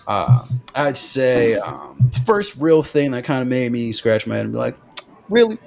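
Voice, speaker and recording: A man co-hosting a podcast in casual chat, excitable and quick to swear as he talks. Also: medium pitch, gravelly, faint music behind. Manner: animated, excitable, swears freely. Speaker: podcast co-host.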